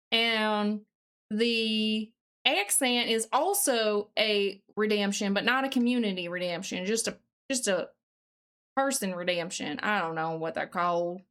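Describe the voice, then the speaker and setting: Putting on a broad, exaggerated deep Southern US accent, a woman on a livestream chats and reads aloud in a playful, folksy way. Her tone is fairly bright.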